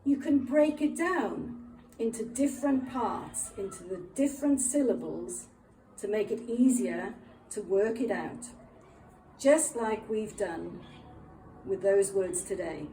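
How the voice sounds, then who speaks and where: A woman teaching young children a lesson with patient, clearly spelled-out explanations. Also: mid-range voice, mellow, roomy sound, distant mic, a little hiss or hum, poor audio. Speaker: primary school teacher.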